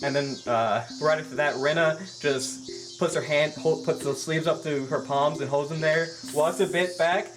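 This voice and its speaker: A woman casually retelling things to friends in an animated way, acting out small exclamations. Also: sits low, normal speed, noisy background.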